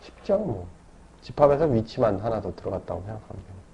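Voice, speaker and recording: A man's voice: on the low side, lively intonation, fast, creaky, dark tone, a little hiss or hum. A man teaching a math lesson, explaining step by step and often checking in with tag questions. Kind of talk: classroom lecture. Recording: dull lo-fi lecture recording.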